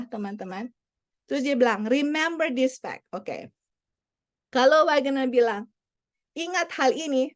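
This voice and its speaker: A woman preaching a sermon, earnest and repetitive, mixing English phrases into her teaching. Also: high-pitched. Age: adult parent. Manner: earnest, repeats key points.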